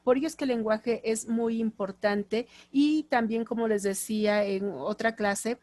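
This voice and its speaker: A Mexican woman lecturing her class in a fairly high voice, explaining steadily and slipping into little acted phrases to show tone. The sound is dry and close. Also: fairly even intonation, measured pace, a little mellow, no room sound. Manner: explanatory, acts out short quoted lines in different tones. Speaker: teacher.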